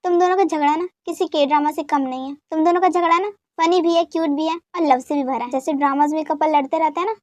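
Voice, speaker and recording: A woman's voice: high-pitched, fast, few pauses, no echo, close to an everyday voice. A woman voicing an easygoing middle-aged father in a fan dub drama who talks in an amused way. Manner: amused, relaxed.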